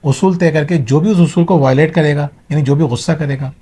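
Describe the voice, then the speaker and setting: Middle-aged male speaker, earnest advice-giving delivery, voice a touch high. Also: warm tone, slightly rough. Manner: earnest, advising, mixes English words. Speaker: motivational speaker. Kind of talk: motivational talk to viewers.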